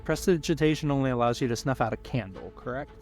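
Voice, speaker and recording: Male game master, playful, average pitch, dramatic slow narration, soft music bed. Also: expressive. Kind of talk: running a tabletop game, casual.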